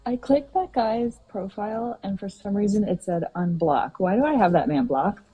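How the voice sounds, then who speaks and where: A woman's voice: medium pitch, moderate pace, dull audio. A woman chatting on a livestream panel, with exasperated, swearing asides. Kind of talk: casual livestream chat.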